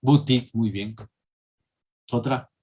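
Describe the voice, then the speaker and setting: A husky-voiced man. He lectures a classroom in an engaging way, often tagging his points with a quick question to the students. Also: mid-range voice, mellow. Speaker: teacher.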